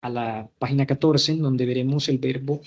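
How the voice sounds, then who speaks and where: A young man, a university student, reading out verb conjugation exercises carefully, pausing on fillers and correcting himself. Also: mid-range voice, fairly even intonation, a little mellow, lo-fi sound.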